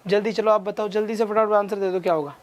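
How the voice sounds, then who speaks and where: Brisk male teacher urging students on. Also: high voice, steady tone, slight background noise. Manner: rapid Hindi-English mix, urges students with quick questions. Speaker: exam-prep English teacher. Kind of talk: online class lecture.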